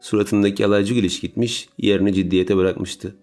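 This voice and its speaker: A man narrating a story in a calm, steady audiobook reading. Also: on the low side, moderate pace. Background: soft music.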